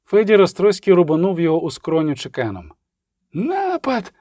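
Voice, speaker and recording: A man narrating an audiobook in a steady storytelling read, acting out the characters' lines. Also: fairly high pitch, a little fast, no echo, studio quality.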